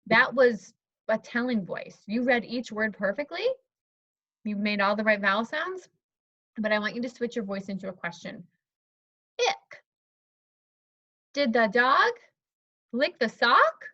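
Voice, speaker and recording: A woman teacher demonstrating a phonics lesson to an imagined student, encouraging and modeling words slowly. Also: medium pitch, fairly bright tone, dry recording. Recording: slightly dull, dry recording.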